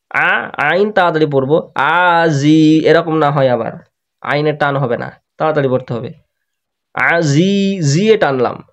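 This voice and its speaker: A man teaching tajweed in an online class, patiently repeating words slowly for students to copy. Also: on the high side, dull audio. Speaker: Quran recitation teacher. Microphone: video call.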